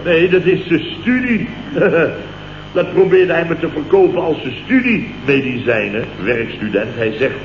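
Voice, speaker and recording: In the style of 1970s radio comedy, a male actor plays a grumbling, indignant boss with a Dutch accent who recounts his mishaps in a blustering, exclamatory, sarcastic way. His voice is a little high and expressive, at a measured pace. The old radio recording is noisy, dull and roomy.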